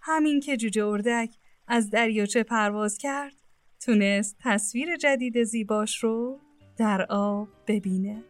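A woman narrating a children's fairy tale in a gentle, even storytelling manner. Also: fairly high pitch, no echo, faint music behind.

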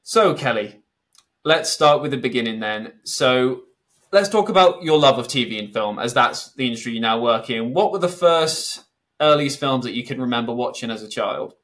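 A man's voice: mid-range voice, expressive, moderate pace, fairly bright tone. A man hosting a podcast, reading prepared introductions and putting interview questions to a guest. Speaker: podcast host.

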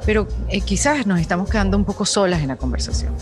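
A woman's voice: mid-range voice, animated, fast, over music. A woman podcast host in casual conversation, asking frank, earnest questions.

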